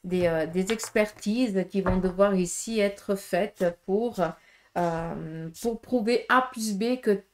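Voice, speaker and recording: A woman's voice: medium pitch, slow pace. A woman with a Swiss French accent giving a casual tarot reading to viewers, talking in a direct, frank way with many fillers and tag questions. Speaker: tarot reader.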